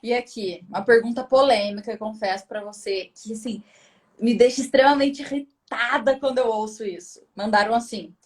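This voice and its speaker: A woman hosting a relaxed interview, chatty and reading out viewer questions. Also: a little high, normal speed. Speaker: show host.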